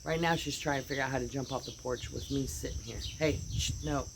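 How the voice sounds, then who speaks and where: Speaking fast with a rumbling low voice and vocal fry, an American woman vlogger chats on an outdoor porch about her dogs. Her talk is rambling and animated, and she acts out what the dogs might be thinking. Birds and insects can be heard.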